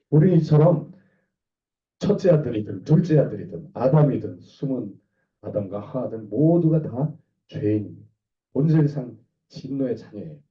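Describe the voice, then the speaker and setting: Hoarse male pastor preaching from afar. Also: mid-range voice, distant mic, highs cut off. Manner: conversational preaching, asking the congregation questions. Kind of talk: sermon. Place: small church hall.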